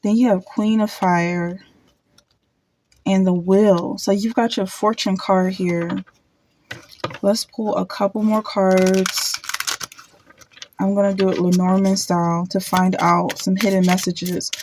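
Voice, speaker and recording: A woman giving a casual pick-a-card tarot reading, thinking aloud with halting restarts and repeated words. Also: medium pitch, level tone, darkish tone, a little hiss or hum.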